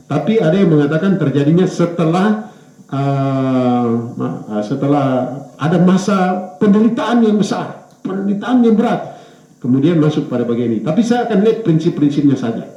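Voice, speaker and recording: A man preaching in a church hall, his fairly high, warm, mellow voice swinging up and down to stress his points. He often stops on fillers and restarts his words. The sound is roomy and echoey, and a little dull, like a lo-fi recording. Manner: hesitant, with fillers and self-corrections; lively rise and fall in pitch for emphasis. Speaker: pastor. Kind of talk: sermon.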